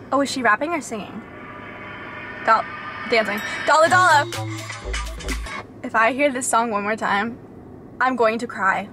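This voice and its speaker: Bubbly high-voiced young woman in a car. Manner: bubbly, excitable, with sudden squeals and laughs. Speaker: vlogger reacting to a show. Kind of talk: casual reaction chat. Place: inside a parked car. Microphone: camera mounted facing her.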